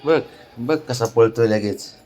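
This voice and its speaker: A man talking softly to his cat, coaxing it to come along, sometimes hushed. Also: mid-range voice, slow pace, roomy sound, slight background noise. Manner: coaxing, hushed at times, then calling out loudly. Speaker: pet owner vlogger. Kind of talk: casual talk to a cat while walking.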